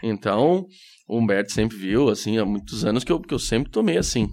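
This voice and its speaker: A man's voice: fairly low pitch, lively intonation, fairly quick, darkish tone. A Brazilian man talks through his stories with a modest, self-deprecating ease. He is a comedian who admits he is shy, and he animates his tales by mimicking the people in them. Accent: Brazilian Portuguese. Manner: shy, self-deprecating storyteller who acts out quoted voices. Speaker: comedian guest. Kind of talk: casual podcast chat.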